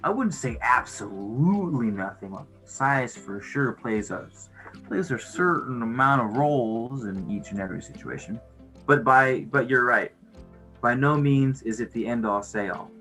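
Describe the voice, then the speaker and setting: A man's voice: medium pitch, lively intonation, unhurried, bright, forceful tone. A man with a mid-range voice talks off the cuff as a livestream host. His delivery is laid-back stoner chat, full of slang and casual swearing. Music plays behind him. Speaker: livestream host chatting with viewers.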